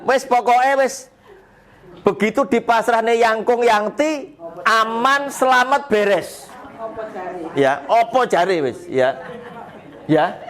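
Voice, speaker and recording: An older man preaching to an elderly Bible study group in a folksy way, chuckling often. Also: high voice.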